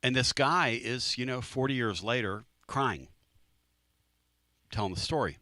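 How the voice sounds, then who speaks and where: A man's voice: medium pitch, a little slow, sharp tone, no room sound. A man hosting a sports talk radio show, telling a story in a casual, emphatic way and repeating phrases.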